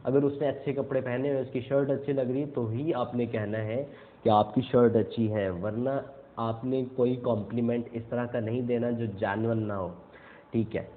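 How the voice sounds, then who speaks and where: Young guy w explaining tips step by step, mid pitch, sounds like a phone line. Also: little pitch movement, moderate pace. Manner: explains step by step, punctuating points with frequent check-ins. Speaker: self-improvement speaker. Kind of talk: casual instructional talk. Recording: tinny phone-like audio.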